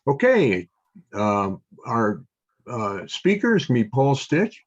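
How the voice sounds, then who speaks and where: An older man leads a club meeting and reads out the news and dates in an average-pitched voice, full of ums and uhs. The sound is a little dull and lo-fi. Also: big pitch swings, husky. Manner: halting, many ums and uhs. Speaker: meeting host.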